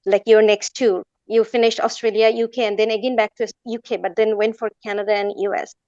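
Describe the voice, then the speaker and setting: A woman's voice: medium pitch, level tone, brisk, darkish tone, no echo, muffled recording. A woman in her forties from Bangladesh, asking questions on a video call in a hesitant way with many fillers. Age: 40s.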